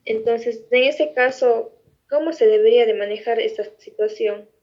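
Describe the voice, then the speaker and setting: A woman's voice: fairly high pitch, normal speed. A woman interviewing a teacher, asking hesitant follow-up questions. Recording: muffled lo-fi recording.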